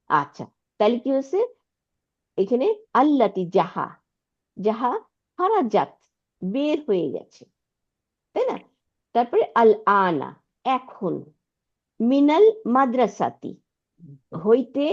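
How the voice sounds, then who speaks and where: A woman's voice: mid-range voice, darkish tone, lo-fi sound. A woman teaching an Arabic lesson online, patiently repeating words and checking that her student follows.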